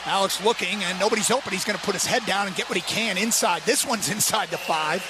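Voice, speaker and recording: A man's voice: high-pitched, fast talker, heavy background noise. A man calling live football play-by-play in clipped, present-tense phrases. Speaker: play-by-play announcer.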